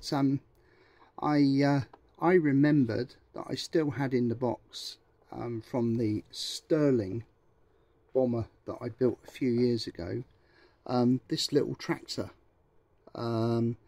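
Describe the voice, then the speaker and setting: A man's voice: mid-range voice, measured pace, darkish tone, no echo. Older man chatting about model kits. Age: 60s. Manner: rambling, hesitant, full of ums and restarts. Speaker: scale model hobby vlogger. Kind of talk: casual chat while model building.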